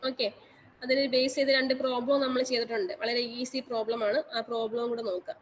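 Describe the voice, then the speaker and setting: A woman's voice: a little high, fairly even intonation, fast talker, a little hiss or hum, poor audio. A woman college teacher giving an online lecture, repeating each instruction and mixing English technical terms into her speech. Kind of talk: online class lecture on exam syllabus.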